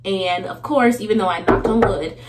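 A beauty vlogger in her thirties chats through a casual get-ready-with-me video in a small indoor bathroom, laughing frequently and sounding slightly nasal because of a cold. Her mid-range voice moves at a moderate pace, with a crowd audible in the background.

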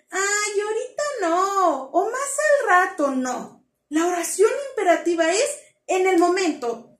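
A woman with a very high voice teaches a grammar lesson to young children. She talks in a lively, coaxing way and keeps asking the class questions. The sound is echoey, as if she is in a bare room.

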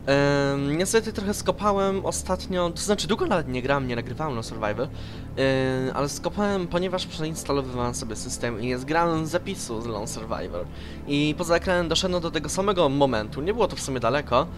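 A man giving casual, excitable commentary while playing a horror game, swearing and yelping when scared. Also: fairly high pitch, a little fast, music in the background. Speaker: let's play host.

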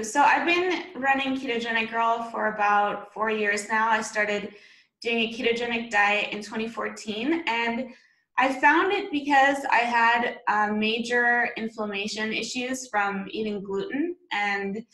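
A woman's voice: fairly high pitch, steady tone, unhurried, pushed and bright, reverberant, low-quality recording. A young woman from Canada, a podcast guest, talking fluently and eagerly about her work over a video call from a room at home. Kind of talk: casual interview talk.

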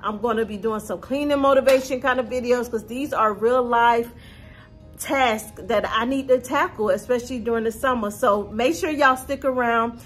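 Lady in her 30s showing off thrift finds, kinda high voice, soft music behind. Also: normal speed. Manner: chatty, addresses viewers as y'all. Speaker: thrift haul vlogger. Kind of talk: casual haul vlog to camera. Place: living room at home.

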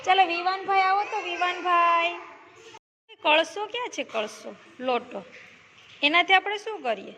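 A high-pitched woman leads a village preschool class. She coaxes the children with repeated questions and praises each answer. The recording carries plenty of classroom noise. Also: measured pace, bright, forceful tone. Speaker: preschool teacher.

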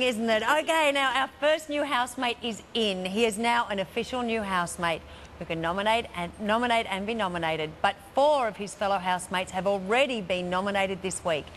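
A woman's voice: mid-range voice, a little fast, a bit bright, a little hiss or hum. A woman with an Australian accent, narrating a reality TV show as host in a chatty, wry way. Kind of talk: scripted TV narration.

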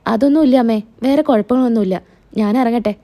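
A woman's voice: on the high side, quick pace, warm tone, natural voice. A woman voicing a cold, curt young husband in a spoken recap of a TV serial, talking in a short, dismissive way. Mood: guarded.

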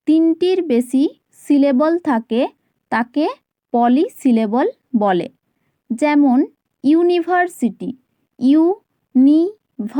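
A woman teaching a grammar lesson to her channel, explaining carefully and repeating each example word slowly. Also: high voice, a little mellow, dry recording.

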